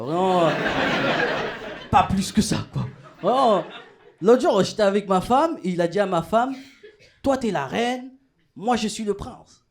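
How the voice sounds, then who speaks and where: A man's voice: sits high, background noise. A man doing stand-up comedy in a club, talking in a casual, slangy way and chatting with the crowd. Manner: casual slangy, animated, laughing through punchlines.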